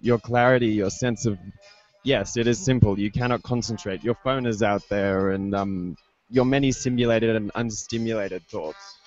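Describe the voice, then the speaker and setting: Here a young man with a fairly low, darkish voice performs experimental fiction at a festival, handheld microphone close to his mouth. It's an indoor live online video stream, and the lo-fi webcast sound is dull, with a prominent music soundscape underneath.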